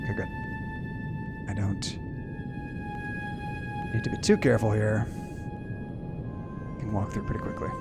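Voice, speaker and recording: A man's voice: on the low side, steady tone, measured pace, long pauses. A man giving casual game commentary, musing aloud and explaining as he plays. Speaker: game streamer explaining game music. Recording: music playing behind the voice. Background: video game music.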